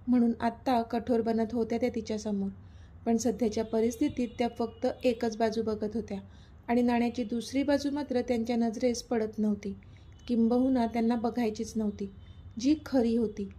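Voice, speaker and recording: A woman narrating a serialized romantic story in a steady, expressive reading. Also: a little high, normal speed, breathy edge.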